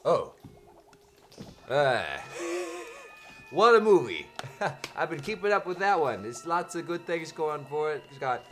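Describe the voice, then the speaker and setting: A man's voice: a little high, expressive, unhurried, pauses often, a bit bright, faint music behind. A man hosting horror movies in a campy comedy style, hammy and giggling between his lines.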